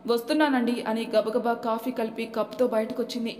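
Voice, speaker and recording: A woman narrating an audiobook story in a steady, plain way. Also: a little high, quick pace. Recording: echoey room with long reverb.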